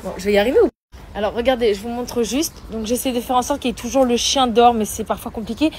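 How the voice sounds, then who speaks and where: Woman w a lispy s, kinda high voice, chatting casually on her phone, faint noise behind. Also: fast, a little mellow. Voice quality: lisp on s sounds. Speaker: vlogger filming social media stories. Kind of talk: casual chat to followers.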